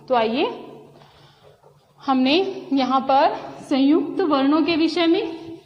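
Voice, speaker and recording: A high-voiced woman teacher talks slowly and patiently to a class of children, going over each point more than once. Her voice carries a long hall reverb, and the recording sounds dull and lo-fi. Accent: Hindi. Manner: slow and repetitive, addressing children. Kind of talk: classroom lesson.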